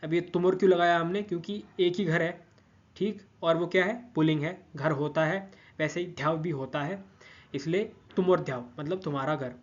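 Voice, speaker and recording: A man's voice: on the high side, steady tone, fairly quick, muffled recording. A man giving a patient grammar lesson, repeating each word form and checking in with listeners often. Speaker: language teacher.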